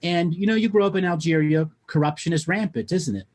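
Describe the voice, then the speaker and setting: A man's voice: a little high, fairly quick, darkish tone. A man hosting a call-in show, giving spiritual readings to callers in a blunt, coaching manner.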